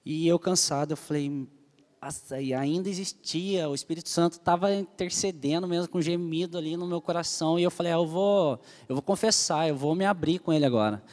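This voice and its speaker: A man's voice: a little high, a little fast, long reverb tail. Earnest young man giving a testimony. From Brazil. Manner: earnest, animated storytelling addressing the group. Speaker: church leader giving testimony. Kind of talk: emotional personal testimony.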